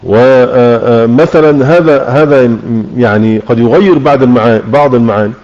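A man with an Egyptian accent teaching a religious lesson, explaining with questions to his listeners and slowing down to demonstrate recitation. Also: mid-range voice, a little mellow. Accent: Egyptian Arabic. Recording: muffled lo-fi online audio room.

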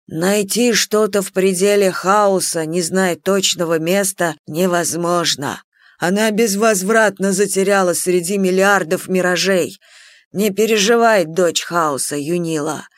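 Huge calm male monster, deep and unhurried, solemn, read by a woman. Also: no room sound, close to an everyday voice. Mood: phlegmatic. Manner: slow, phlegmatic, solemn.

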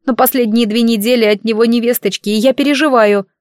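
A woman's voice: on the high side, steady tone, fast talker, darkish tone, dry recording, studio quality, close to an everyday voice. A woman reading the lines of a tearful teenage girl from a village who keeps crying while she talks. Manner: sobbing, pleading.

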